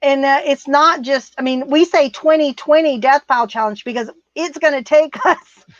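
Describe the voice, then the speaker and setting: A woman's voice: high voice, moderate pace, dry recording. A middle-aged woman co-hosting a livestream, reading viewer comments in a blunt, rambling casual chat. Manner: blunt, rambling, laughs often. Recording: muffled, dry sound.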